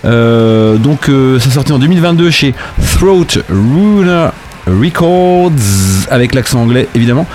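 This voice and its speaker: A man co-hosting a casual radio music show, relaxed and joking, hesitating with fillers as he introduces tracks. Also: mid-range voice, fairly quick, few pauses, a little hiss or hum.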